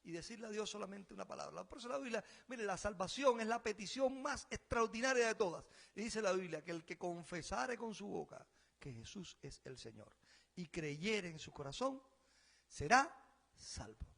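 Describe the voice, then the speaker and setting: A Cuban man with a Cuban Spanish accent preaching a sermon as pastor, rising loud on key phrases and then dropping quiet. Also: sits high, animated, normal speed, vocal fry. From Cuba.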